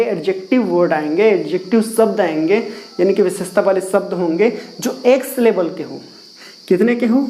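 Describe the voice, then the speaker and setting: A man with a high, mellow voice gives a classroom English grammar lesson in Hindi, captured in a rough recording. As he explains, he writes and erases on a board, asks questions, and repeats the key words.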